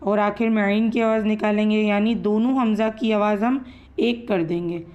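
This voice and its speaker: A woman's voice: mid-range voice, fairly even intonation, a little mellow, muffled recording. Patient woman teaching Quran recitation. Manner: slow, drawn-out letter-by-letter recitation. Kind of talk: patient step-by-step lesson, spelling out letters.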